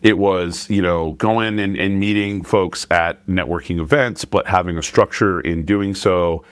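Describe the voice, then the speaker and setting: A middle-aged podcast host with a very low voice who talks thoughtfully and hesitates often. The recording is dry and close. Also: male voice, fairly even intonation, unhurried, clean tone, no room sound. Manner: hesitant, many fillers and restarts, thoughtful. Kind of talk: casual conversational interview.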